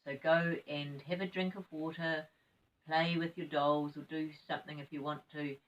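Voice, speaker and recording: A sweet old lady from a grandmotherly mould reads a children's storybook in a New Zealand accent. She is gentle and expressive and adds chatty asides to her listeners. Her voice sits a little way from the microphone. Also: low-pitched, moderate pace, distant mic, lo-fi sound. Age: older.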